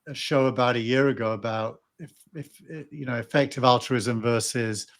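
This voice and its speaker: A man's voice: mid-range voice, fairly even intonation, normal speed. Hesitant man in casual debate. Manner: hesitant, many fillers and restarts. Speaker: podcast co-host.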